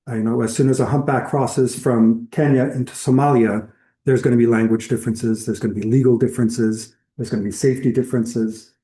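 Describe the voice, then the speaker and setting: The man's mid-range voice has a dark tone and echoes in the lecture hall. As a lecturer on whale entanglement response, he explains things to the public conversationally while listing examples.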